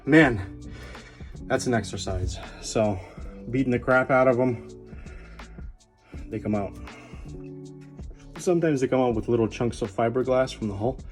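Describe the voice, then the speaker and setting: A man hosting a casual garage how-to vlog, talking in a relaxed, rambling way with lots of ums and uhs. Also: mid-range voice, a little slow, long pauses, faint music behind. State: out of breath at times. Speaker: garage channel host. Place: home garage workshop.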